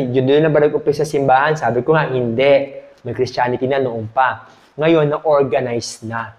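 A man's voice: on the high side, a little mellow. A man in his thirties with a Filipino accent, giving a church history lesson into a handheld mic in a small meeting room, mixing Tagalog and English and checking in with "okay?" again and again. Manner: mixes Tagalog and English, asks "okay?" often. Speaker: church teacher. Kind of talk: sermon-style Bible lesson.

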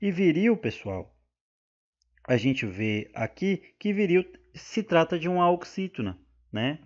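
A man's voice: a little high, sing-song, takes it slowly, darkish tone. Patient Brazilian male teacher, muffled audio. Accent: Brazilian Portuguese. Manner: patient, explanatory, often addresses listeners and checks with "né?". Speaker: exam-prep teacher. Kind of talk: online grammar lesson. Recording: muffled lo-fi recording.

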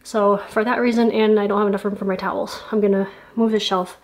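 A home vlogger in her thirties rambles casually through a cleaning and cooking vlog in her house's kitchen, full of fillers, filmed on a handheld camera held at arm's length. Her mid-range voice is flat, fast and darkish, and the room echoes.

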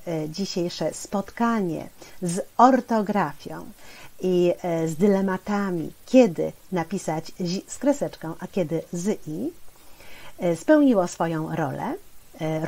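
A woman teacher giving a slow, deliberate spelling lesson for children, spelling out syllables and pausing with hesitation fillers. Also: fairly low pitch, warm tone.

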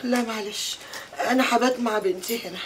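A woman's voice: a little high, a little fast, background noise, natural voice. An actress playing a worried Egyptian mother. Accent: Egyptian Arabic. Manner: anxious, comforting. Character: worried middle-aged mother tending her daughter. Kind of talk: TV drama acting. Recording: music score underneath.

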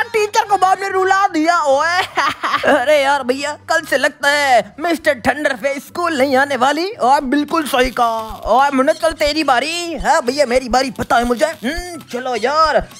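A man playing a game and chatting as two cartoon characters, excitable, with bursts of loud exclamations. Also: extremely high pitch. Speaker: gaming YouTuber.

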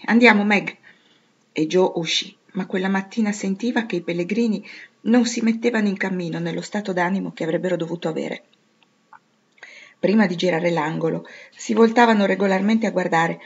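A woman narrating a classic novel aloud with calm, measured storytelling. Her voice is low and husky. The recording is slightly dull and lo-fi. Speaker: audiobook reader. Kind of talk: literary narration.

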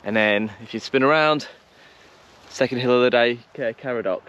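A man's voice: medium pitch, moderate pace, fairly bright tone, muffled recording. A young man vlogging on an open hillside with an action camera held at arm's length, chatting casually and giving directions with a few jokes. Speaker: vlogger hiking guide. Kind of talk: casual outdoor vlog chat.

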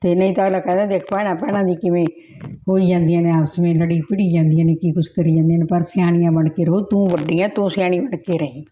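Voicing a wise old matriarch in a short film, a woman plays a mother-in-law who lectures slowly and patiently, her voice a touch low. The recording sounds slightly dull and lo-fi, with a faint hiss. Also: steady tone, lightly acted. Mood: advising. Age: older. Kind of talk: Punjabi short film acting.

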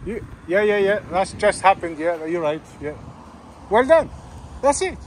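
A man chatting playfully while he films outdoors, teasing the people he meets. His voice is a little high and swings up and down a lot. Light traffic noise hums behind him. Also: very animated, measured pace. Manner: teasing, playful, laughs often. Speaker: auditing vlogger filming with camera. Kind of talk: casual chat while filming outdoors. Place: outdoors on a city street.

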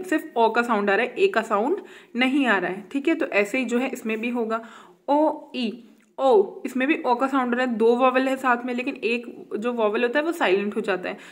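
An Indian woman teaching a grammar lesson, reading English lines slowly and explaining them while asking her students questions. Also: a little high, a bit bright. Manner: slow when reading English text aloud; repeats "ठीक है" and asks quiz questions.

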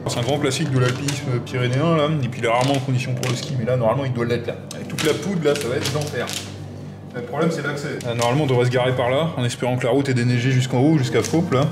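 A man's voice: medium pitch, fairly even intonation, very fast, reverberant, background noise. Chatty young man planning a ski trip. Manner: chatty, explains plans point by point. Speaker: ski mountaineer vlogger. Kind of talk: casual vlog chat. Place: home living room.

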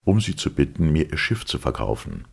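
A man voicing a calm, phlegmatic English gentleman who speaks in an unruffled way. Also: very deep voice, a little fast, creaky, breathy edge, full character voice. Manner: unruffled, even-tempered.

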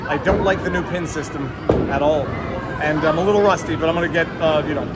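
Man in his thirties, fairly high voice, phone held at arm's length, loud crowd and music behind. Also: fast. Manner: chatty, explains bowling technique. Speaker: vlogger. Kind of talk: casual vlog at a bowling alley. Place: large indoor bowling alley. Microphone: phone camera at arm's length. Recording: noisy bowling alley with music.

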